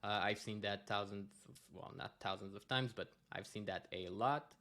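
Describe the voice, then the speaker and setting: This Québécois presenter, a native French speaker from Quebec, Canada, speaks at normal speed in a fairly low voice that sounds pushed and bright. He explains his conference material with many fillers and restarts.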